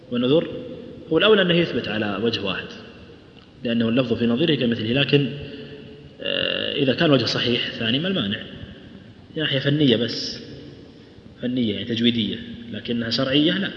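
A man's voice: medium pitch, animated, quick pace, pauses often, fairly bright tone, slight background noise. A man teaching a tajweed lesson to students, explaining patiently, modelling recitation and asking them questions. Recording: roomy lo-fi hall recording.

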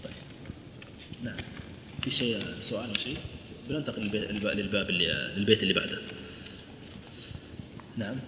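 A man's voice: on the low side, fast talker, long pauses, background noise. A man teaching a tajweed lesson to students, explaining patiently, modelling recitation and asking them questions. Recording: roomy lo-fi hall recording.

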